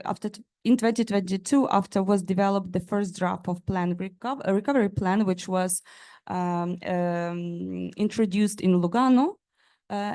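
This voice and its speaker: A woman speaking as a panelist, halting often with fillers and restarts as she searches for words. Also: medium pitch, darkish tone. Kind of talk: panel discussion.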